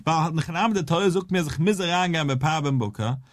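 A man's voice: fairly high pitch, fairly quick, no room sound, studio quality. A rabbi teaching a daily Talmud lesson. He explains step by step, posing and answering questions in a sing-song study cadence.

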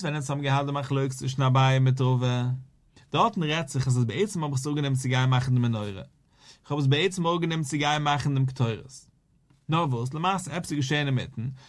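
A man, a rabbi, teaching a daily Talmud page, in a sing-song study cadence that repeats its key phrases. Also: medium pitch.

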